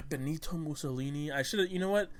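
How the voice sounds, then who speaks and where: A man's voice: on the high side, fairly quick, a little hiss or hum. Guy cohosting a podcast, jokey and rambly, drops his sentences halfway. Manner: joking, rambling, trails off mid-thought. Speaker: podcast co-host. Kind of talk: casual chat.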